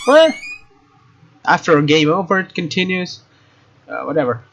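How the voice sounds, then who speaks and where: This let's player has a slightly high voice with vocal fry and a sing-song delivery at normal speed. With game music in the background, he reads on-screen text aloud and sprinkles in informal jokes.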